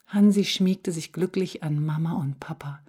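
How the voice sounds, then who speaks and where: A woman narrating a children's storybook in a calm, measured reading voice. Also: deep voice, slightly rough.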